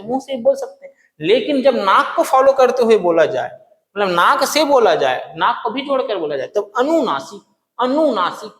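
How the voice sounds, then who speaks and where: A man's voice: very high-pitched, a bit bright. A male teacher giving a grammar lesson, asking and answering his own questions and repeating key terms. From Chhattisgarh, India. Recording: echoey room with long reverb.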